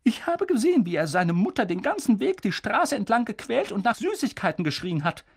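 A man voicing a stern, sharp-tongued elderly female witch professor in an audiobook reading, pushing his voice up high and insistent. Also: big pitch swings, fairly quick, vocal fry, slightly rough, heavily acted. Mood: agitated. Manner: insistent, agitated, high strained voice. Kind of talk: audiobook character voice.

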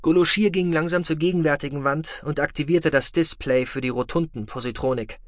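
A man reading science-fiction audiobook narration in a steady, measured way. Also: fairly high pitch, no room sound, studio quality.

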